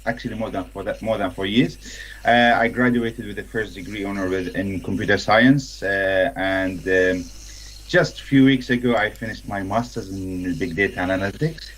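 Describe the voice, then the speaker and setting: A man's voice: lowish voice, fairly even intonation, normal speed, a bit bright, slight background noise, poor audio. A man from Syria introducing himself as a panel guest over a video call, hesitant and correcting himself.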